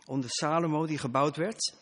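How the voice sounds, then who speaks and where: A man's voice: a little high, steady tone, moderate pace, fairly bright tone, long reverb tail. A man preaching a sermon, emphatic, his voice rising and dropping for stress.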